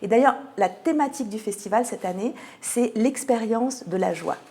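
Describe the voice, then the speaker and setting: This radio interview guest is a Frenchwoman from France describing a cultural programme, speaking articulately yet pausing often to find the right words. Her pitch is fairly high, her tone dark, and her pace normal.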